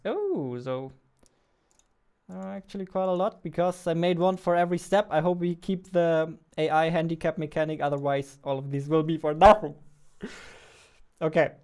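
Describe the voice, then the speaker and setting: A young male game developer live-streams from a desk in a room at home, chatting casually as he codes, thinking aloud and chuckling at his own expense. He has a high, darkish voice and speaks at a moderate pace.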